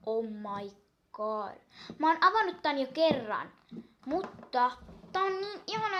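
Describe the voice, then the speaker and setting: Excitable high-voiced girl unboxing toys. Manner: excitable, gushing squeals; counts down aloud. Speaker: toy unboxing vlogger. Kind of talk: casual unboxing chat.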